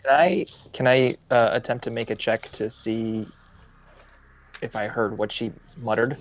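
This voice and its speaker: A man's voice: mid-range voice, fairly even intonation, a little slow, lo-fi sound. A man playing in a tabletop game, giving hesitant, short replies to the game master. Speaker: player. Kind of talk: casual tabletop game play.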